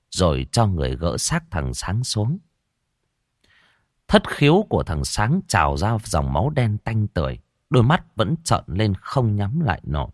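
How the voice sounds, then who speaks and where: A man narrating a horror story in a dramatic, expressive way. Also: lowish voice, dry recording, studio quality.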